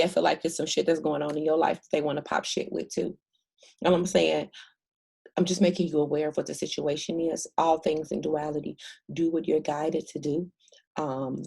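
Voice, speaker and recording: A woman's voice: low-pitched, gravelly, warm tone, slight background noise, poor audio. A woman giving a casual spiritual reading to camera, blunt and profane, with many fillers. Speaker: spiritual reader.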